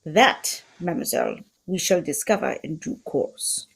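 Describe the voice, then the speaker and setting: A woman playing a fussy, courtly Belgian male detective in a radio mystery, speaking formally and deliberately, with theatrical precision. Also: fairly low pitch, expressive, gravelly, noisy background. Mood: shrewd, assured. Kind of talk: old-time radio mystery script reading.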